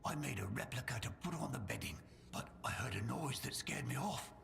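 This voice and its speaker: An actor playing a humble, timid old undersea creature blacksmith in a video game, with a gruff, halting delivery. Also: male voice, mid-range voice, lively intonation, a bit bright, soft background music. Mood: earnest, resigned. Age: older. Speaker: blacksmith and trader character. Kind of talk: scripted video game dialogue.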